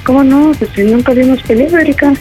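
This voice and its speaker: A suspicious woman fires back short questions over the phone, talking quickly. Her tone is dark and mellow. Faint music sits behind her. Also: high voice. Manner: curt, suspicious, rapid questions. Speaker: prank target on the phone. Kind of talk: phone argument on radio.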